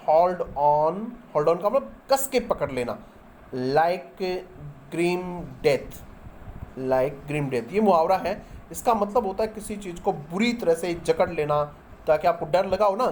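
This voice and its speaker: Hindi-speaking male teacher spelling words slowly. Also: on the high side, darkish tone, a little hiss or hum. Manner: explains each English example in Hindi. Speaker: English teacher. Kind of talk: vocabulary lesson.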